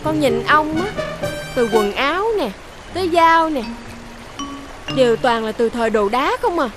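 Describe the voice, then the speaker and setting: An actress playing a devoted young wife, with a Southern Vietnamese accent and a pleading, emotional manner. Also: female voice, sits high, lively intonation, a little slow, over loud music. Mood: coaxing. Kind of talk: TV fairy-tale drama acting.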